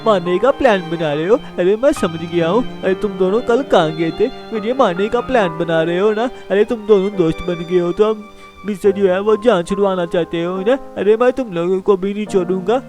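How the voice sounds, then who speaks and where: A shrill, whiny little boy , voiced by a man, in a fan game role-play. He yelps and frets at every turn, his voice pitched high. Music plays steadily underneath. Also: brisk, close to an everyday voice. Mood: sulky. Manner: whiny, panicky cries of "arey". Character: small mischievous boy, scared and sulky.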